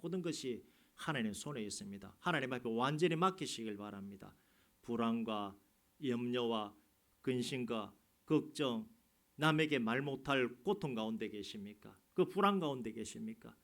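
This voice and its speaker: A male pastor delivers a sermon in a church sanctuary. His voice swells to loud, stretched-out declarations and then falls back to hushed, low asides. His pitch sits in the middle range for a man. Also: animated, normal speed. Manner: rises to loud emphatic peaks, then drops low and quiet.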